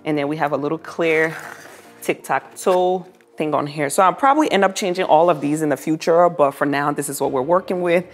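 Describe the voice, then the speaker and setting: Low-voiced woman gushing through a home tour. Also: fairly quick. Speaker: vlogger giving a home tour. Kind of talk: casual home makeover tour, talking to viewers. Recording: music behind the voice. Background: background music.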